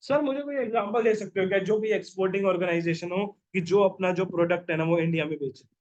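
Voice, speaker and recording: A man with a high, bright voice gives an energetic revision lecture for an accounting exam. He fires quick questions like "yes or no?" and answers them himself, mixing terms into his speech. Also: lo-fi sound. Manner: rapid call-and-response, asks "yes or no?" and answers himself. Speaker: teacher.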